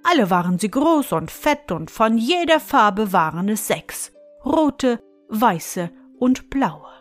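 A woman reading a fairy tale aloud, expressive and addressing the listener with little asides. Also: fairly high pitch, slow pace, faint music behind. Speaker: storyteller.

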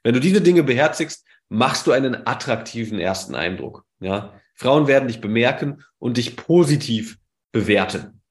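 A man who works as a dating coach gives direct, emphatic advice in a podcast monologue and often adds a quick "ja". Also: medium pitch, animated. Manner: direct, emphatic, tags sentences with "ja". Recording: roomy echo.

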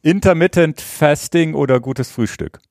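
A man's voice: on the high side, normal speed, vocal fry, a little mellow, dry recording, clean studio sound. A man co-hosting a podcast, asking questions in a casual, chatty way. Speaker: podcast co-host. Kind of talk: podcast interview.

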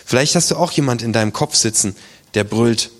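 A man's voice: mid-range voice, a little fast. A man preaching a sermon as pastor, in a colloquial, vivid way that acts out the voices he quotes. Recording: long reverb of a large hall.

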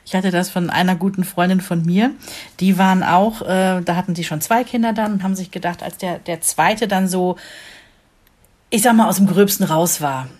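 Animated German woman telling stories. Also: fairly low pitch, normal speed. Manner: animated storyteller, laughs often. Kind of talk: casual chat.

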